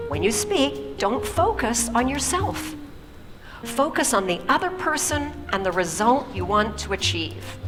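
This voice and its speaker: A woman's voice: medium pitch, long reverb tail. A woman giving an emphatic public talk, telling stories on stage. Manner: storytelling, lively and emphatic. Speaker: speaker.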